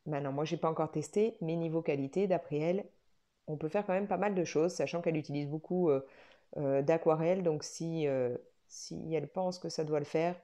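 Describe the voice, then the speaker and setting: A woman's voice: low voice, dark tone. A woman vlogger chatting casually about a coloring book, with frequent hesitations and restarts. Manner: hesitant, many fillers and restarts. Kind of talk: casual video chat.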